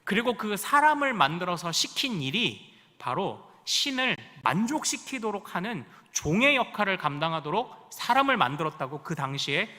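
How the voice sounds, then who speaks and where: A man's voice: high-pitched, bright, forceful tone, long reverb tail. A male pastor preaching a sermon in a church sanctuary, with rising emphasis and questions put to the congregation. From Korea.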